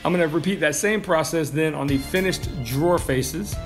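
A man's voice: a little high, moderate pace. A man in his thirties, the host of a woodworking channel, casually explaining a build in his home workshop. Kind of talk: tutorial voice-over and talk to camera. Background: background music.

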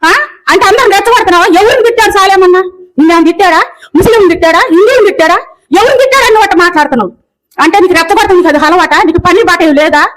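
Woman, very high pitch, rapid-fire angry scolding, rant delivery. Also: a bit bright, rough recording. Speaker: video commenter.

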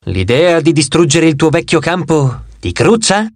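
A man's voice: fairly high pitch, very animated, moderate pace, dry recording. A man voicing a seductive female demon in an audiobook, speaking in a purring, teasing way.

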